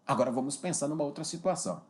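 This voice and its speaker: A man teaching a recorded law lesson, lively and engaging, stretching key terms slowly and constantly checking in with the viewer. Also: a little high.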